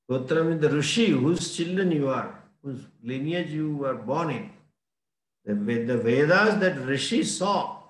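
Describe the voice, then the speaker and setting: A man with an Indian English accent teaching a scripture class, explaining slowly and often chuckling. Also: medium pitch, roomy sound. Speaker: spiritual teacher.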